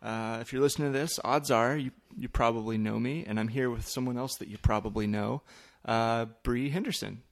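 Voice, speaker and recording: A man hosting a podcast in a casual, explanatory way, with halting, thoughtful phrasing. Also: medium pitch, gravelly. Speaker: podcast host, church pastor.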